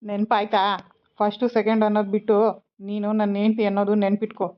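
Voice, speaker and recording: An actress playing a teasing husband torn between two wives, with a quick, teasing way of talking. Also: female voice, mid-range voice, monotone, natural voice. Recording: dull lo-fi sound.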